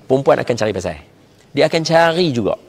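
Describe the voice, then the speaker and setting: A man's voice: medium pitch, very animated, fast. A man, a religious teacher giving jokey, casual marriage advice and mixing English phrases into his talk. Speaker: ustaz, religious speaker.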